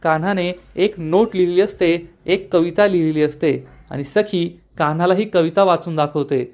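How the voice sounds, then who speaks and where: High-voiced man recapping a serial. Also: normal speed, a little mellow. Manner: plain storytelling narration, reads out the characters' lines. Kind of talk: retelling a TV serial episode.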